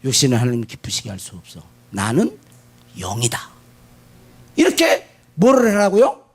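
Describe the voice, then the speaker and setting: A man preaching a sermon as pastor, putting questions to the congregation and answering them himself, moving from hushed asides to shouted declarations. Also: medium pitch, huge pitch swings, normal speed, slightly rough.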